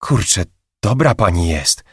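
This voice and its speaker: A man's voice: low voice, sing-song, measured pace, breathy edge, no echo, studio quality, heavily acted. A man voicing a chatty, anxious young female receptionist who gossips with a raised voice, for an audiobook. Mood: awed. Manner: raised gossipy voice, later hushed whispering.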